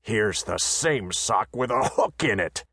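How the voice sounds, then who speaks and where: A calm, dangerous frontier man, as a narrator puts him on, speaking softly with dry understatement. The voice stays low-key and close. The sound is dry with no room. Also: takes it slowly, slightly rough, no room sound, heavily acted. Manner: soft-spoken, dry and understated. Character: calm, wry, dangerous male western chore boy.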